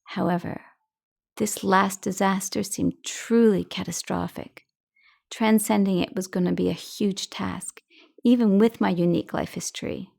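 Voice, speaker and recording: A woman's voice: mid-range voice, fairly even intonation, unhurried, vocal fry, darkish tone. A middle-aged woman narrating her own memoir as an audiobook, in an intimate, reflective first-person tone.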